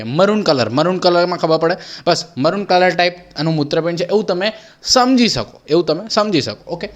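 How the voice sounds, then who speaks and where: A young biology tutor with a Gujarati accent and a high-ish, fairly bright voice teaches an exam-prep lesson, posing questions and answering them himself while repeating each key term. The highs are cut off in the recording.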